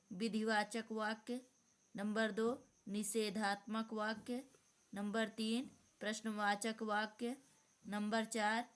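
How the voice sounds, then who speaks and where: A woman teacher giving an exam-prep grammar lesson, dictating definitions and repeating them. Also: mid-range voice.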